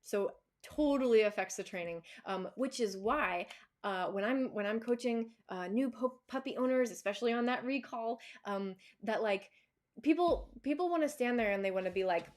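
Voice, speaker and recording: A woman's voice: a little high, normal speed. A woman dog trainer answering viewer questions in a casual live chat, talking loosely with many fillers and restarts and laughing easily.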